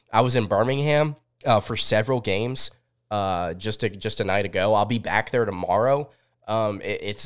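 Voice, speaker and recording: A sniffly man in his twenties with a cold hosts a sports podcast from a small indoor home studio, speaking into a close desk microphone. His voice is smooth and on the low side as he thinks aloud through a casual live sports recap.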